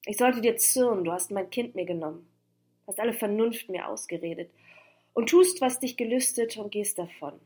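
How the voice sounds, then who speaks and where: A woman's voice: mid-range voice, moderate pace, mellow, lightly acted. A woman reading a grieving noble mother. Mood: pleading. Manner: pleading, solemn.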